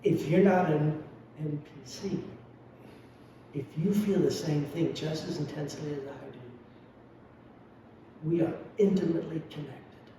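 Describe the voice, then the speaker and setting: A man's voice: fairly high pitch, fairly even intonation, a little slow, long pauses, warm tone, a little hiss or hum. A man giving a dharma talk as a lay Buddhist speaker, reflective and confessional with wry humor. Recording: very echoey hall, mic at a distance.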